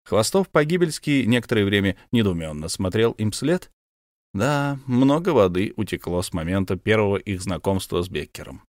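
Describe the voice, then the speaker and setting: A man reading an audiobook in an even, measured storytelling manner. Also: lowish voice, no room sound, studio quality. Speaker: audiobook narrator. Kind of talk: scripted narration.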